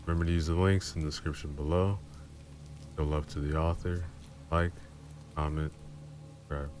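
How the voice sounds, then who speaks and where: A man narrating horror stories in a calm, low-key reading style. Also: moderate pace. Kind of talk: scripted story narration.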